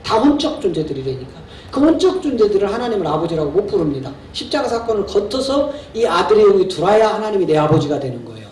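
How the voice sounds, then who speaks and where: A man's voice: high voice, very animated, fast talker, hardly any pauses, a little mellow, a little hiss or hum. A man preaching as a pastor at a seminar, talking colloquially and emphatically, often asking his audience rhetorical questions. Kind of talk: sermon. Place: seminar hall. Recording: echoey hall from far off.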